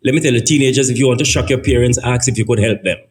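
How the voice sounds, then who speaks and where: A middle-aged Jamaican man talking to parents and teenagers in a sermon-like style, telling stories and often checking in with the crowd. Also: racing. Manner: storytelling, sweeps up high when stressing a point. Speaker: speaker at a family forum. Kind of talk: sermon-like talk to parents and teens.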